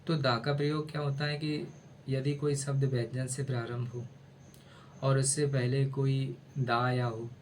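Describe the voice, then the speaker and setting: Slow, patient male teacher spelling words out. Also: medium pitch, a little hiss or hum, poor audio. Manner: spells words letter by letter and asks rhetorical questions; addresses listeners as brother. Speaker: English teacher. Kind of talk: explaining grammar in a video lesson.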